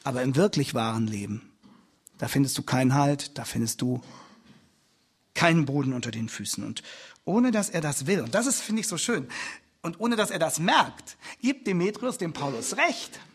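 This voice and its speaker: A male pastor delivers a sermon in a slightly husky, somewhat high voice. He hammers his points home with repeated phrases and rising emphasis, speaking from the pulpit of a church. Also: lively intonation, moderate pace.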